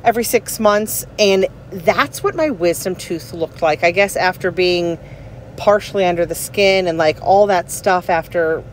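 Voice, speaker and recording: Woman in her forties, slightly low voice, casual rambling vlog delivery, emphatic, faint urban background noise. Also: measured pace. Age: 40s. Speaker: vlogger. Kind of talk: casual chat recounting a personal experience.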